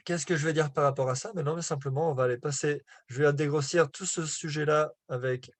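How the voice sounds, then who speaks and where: The voice is a little high and steady, a little fast, with no room sound: a business coach running a live online lesson in French with slides. He is hesitant, full of fillers and restarts, and sheepishly laughs at himself while apologizing for his rusty French.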